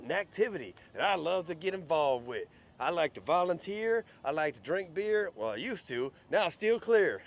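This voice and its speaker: A man in his forties giving a playful interview, full of rhyming jokes and wisecracks. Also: a little high. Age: 40s.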